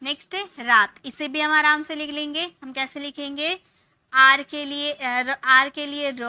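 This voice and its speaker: Patient female teacher, high bright voice, dry close sound; tutorial narration, letter by letter. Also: no echo. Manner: slow, patient, spells out each letter and sound. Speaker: English teacher. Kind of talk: spoken lesson on spelling Hindi words in English letters.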